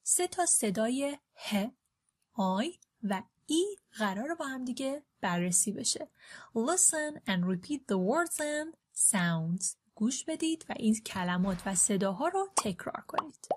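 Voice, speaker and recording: A woman teaching a beginner English lesson. She reads the English examples slowly and clearly, then explains quickly in Persian. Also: on the high side, sing-song. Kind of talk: language lesson.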